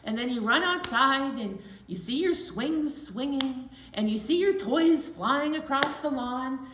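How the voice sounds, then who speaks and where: A woman with a Minnesota accent, a children's librarian reading aloud at an online storytime in a playful, animated way. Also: high-pitched, unhurried, background noise. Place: library room. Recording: echoey room.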